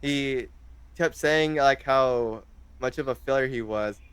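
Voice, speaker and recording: Young man, interview guest, rambling, fillers, smooth, dry. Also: mid-range voice, takes it slowly, a bit bright, dry recording. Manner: hesitant, rambling with many fillers. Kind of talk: casual interview chat.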